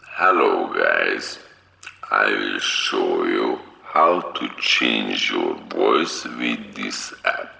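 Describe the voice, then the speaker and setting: A man voicing a monstrous zombie through a voice-changer filter that slows and distorts his words into a gravelly drag. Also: big pitch swings, pushed and bright, full character voice. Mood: monstrous, sluggish. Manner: dragging, drawn-out words. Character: slow groaning male zombie, monstrous. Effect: zombie voice-changer filter, pitched down and slowed.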